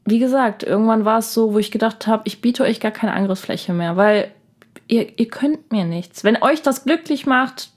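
A woman's voice: on the high side, moderate pace. A young woman co-hosting a podcast, earnestly and emphatically retelling her own experiences. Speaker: podcast co-host. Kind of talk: casual chat.

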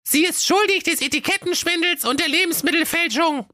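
A man voicing a young girl detective, bossy and triumphant, in a squeaky falsetto. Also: brisk, dry recording, clean studio sound. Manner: squeaky falsetto, sharp and commanding.

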